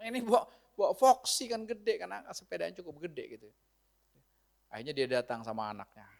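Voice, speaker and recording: A male pastor, telling a chatty, animated story to his congregation and often laughing. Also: on the high side, normal speed, vocal fry. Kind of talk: storytelling sermon.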